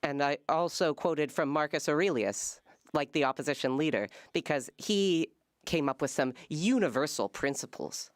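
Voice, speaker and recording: An interpreter giving a live, measured rendering of a parliamentary debate in halting phrases. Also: medium pitch, animated, no room sound, clean studio sound.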